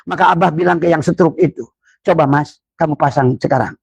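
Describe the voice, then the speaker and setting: Gravelly-voiced man preaching a sermon. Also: fairly quick, no room sound. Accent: Indonesian. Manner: preaching with rising emphatic pitch. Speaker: religious teacher. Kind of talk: Islamic sermon.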